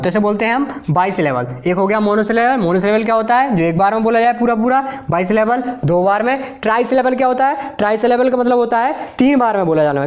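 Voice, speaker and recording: Male teacher, slow drilling delivery, classroom explainer. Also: sits high. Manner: slow, repetitive, drills words one at a time. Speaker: English teacher. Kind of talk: explaining a lesson while writing on a board.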